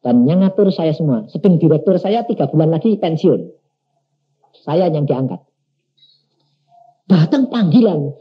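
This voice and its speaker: An older man from Indonesia, preaching a sermon and telling a personal story, acting out the dialogue with lively energy. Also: on the high side, a little slow, pauses often. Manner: animated, acts out dialogues. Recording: dull lo-fi recording.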